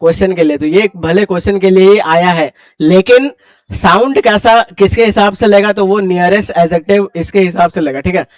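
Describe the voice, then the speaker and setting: Brisk high-voiced male classroom teacher. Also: dry recording. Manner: brisk, quizzing students and urging them to hurry. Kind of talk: classroom grammar lecture.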